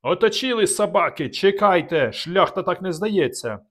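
A man's voice: high voice, animated, moderate pace, a bit bright, pitched above the performer's own voice. A man voicing a furious, stout male nobleman who bellows curses while cornered, in an audiobook. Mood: raging. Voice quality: roaring, bellowing.

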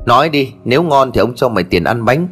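A man's voice: mid-range voice, lively intonation, a little fast, fairly bright tone, soft background music, close to an everyday voice. A man voicing a bad-tempered, half-deaf middle-aged village chief who curses and scolds in a storybook tale. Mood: irritable. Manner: gruff, scolding, cursing.

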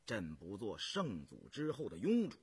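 Man putting on a stern emperor, imperious, firm, deep voice, storybook telling. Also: wildly swooping pitch, normal speed, breathy edge, full character voice. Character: stern resolute male emperor, commanding.

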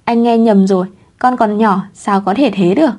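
A woman voicing a sharp-tongued young wife in a read-aloud story, in her own plain voice. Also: mid-range voice, normal speed, lightly acted. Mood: coy.

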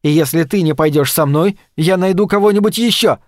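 A man's voice: fairly high pitch, brisk, no echo, natural voice. A man reading an audiobook, voicing a defiant young woman who is close to tears.

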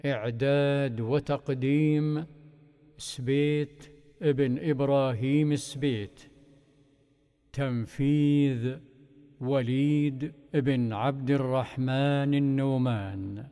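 A man's voice: medium pitch, steady tone, slow, pauses often, mellow, smooth. A man reading a scripted radio program introduction in formal Standard Arabic as an announcer. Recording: long reverberant echo on voice.

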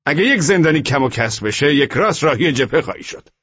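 A man's voice: fairly high pitch, animated, a bit bright, slightly rough, highs cut off. A man playing a stern barking army sergeant. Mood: scolding. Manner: barking orders, scolding. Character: stern male army sergeant, commanding and scornful. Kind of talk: audiobook drama acting.

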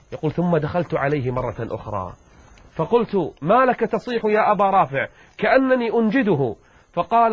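A man's voice: a little high, slightly rough. A man preaching as a dramatic storyteller, his voice rising in quoted speech. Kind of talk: sermon retelling a story from the Prophet's life. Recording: dull lo-fi recording.

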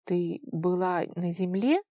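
A woman reader voicing a gentle, teasing young man in love, soft and soothing in manner. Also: on the low side, takes it slowly, no echo, studio quality. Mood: puzzled.

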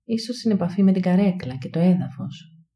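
In a lowish voice with the high frequencies cut off, a woman leads a body scan meditation. She speaks in short, soothing, hushed phrases separated by long pauses.

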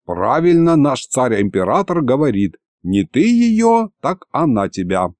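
A man's voice: medium pitch, very animated, unhurried, darkish tone, dry recording. A man voicing an old grandfather mentor who talks in folksy rustic speech. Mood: folksy scolding.

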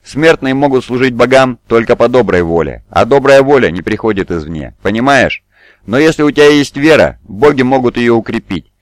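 A man voicing a god who appears as a small boy, calm, knowing and teasing. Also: medium pitch, normal speed, no room sound, natural voice.

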